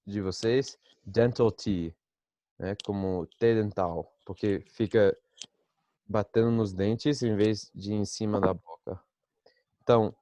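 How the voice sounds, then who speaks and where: A man who grew up speaking teaches an online class in Portuguese, speaking slowly and patiently with a fairly low voice. He checks in with his students constantly. The sound is dry and close over the video call. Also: darkish tone, no echo, lo-fi sound. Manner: patient, slow explaining with many "né?" checks. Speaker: English teacher. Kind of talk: online language lesson.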